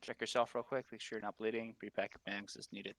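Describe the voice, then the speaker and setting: A man's voice: fairly low pitch, flat delivery, fast talker, fairly bright tone. A man talking casually to teammates in game voice chat, giving simple reminders. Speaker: gamer.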